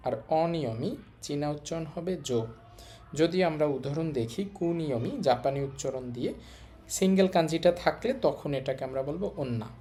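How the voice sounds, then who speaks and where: Teacher for a video lesson, mid-pitched, methodical, repeats each point. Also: a little mellow. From Bangladesh. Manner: explains step by step, repeats key points, asks and answers own questions. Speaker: language teacher.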